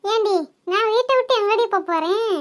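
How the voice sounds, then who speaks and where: A woman's voice: very high-pitched, moderate pace, pitched above the performer's own voice. A woman voicing a weary, sarcastic village mother in a cartoon who scolds her daughter. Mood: scolding. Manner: sharp-tongued, sarcastic.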